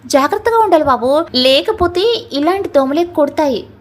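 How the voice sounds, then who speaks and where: A woman's voice: high voice, expressive, moderate pace. A woman voicing a talkative older man on a trip who keeps teasing and making puns. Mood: chatty. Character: chatty older man, a jokey uncle on a trip.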